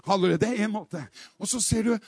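A man's voice: sits high, slightly rough, dry recording, studio quality. A middle-aged man from Norway, preaching a charismatic revival sermon and calling out hallelujahs. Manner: shouting hallelujahs, rising to exclamations.

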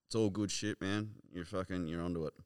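A man's voice: sits low, steady tone, a little fast, darkish tone, smooth. An Australian man co-hosting a casual podcast, chatting in a matey, slangy, sweary way. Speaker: podcast co-host. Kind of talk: casual live podcast chat.

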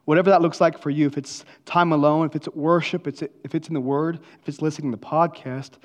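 Male preacher, emphatic and slightly high-voiced. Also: fairly even intonation, fast, muffled recording. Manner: rhetorical questions and calls for audience response; emphatic repetition of key words. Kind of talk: motivational sermon to students.

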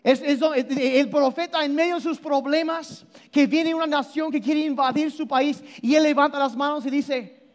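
Man, preacher, sermon, very high voice, emphatic, repeats words, hall reverb. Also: moderate pace. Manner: animated, shifts between loud emphasis and low intensity; repeats and restarts words while explaining.

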